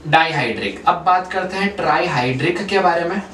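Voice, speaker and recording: At a whiteboard, a man gives an animated, brisk chemistry lecture, drawing the class in with questions and slipping in English terms. His voice sits a little high for a man. He's recorded far from the mic in an echoey room, with a faint hiss beneath.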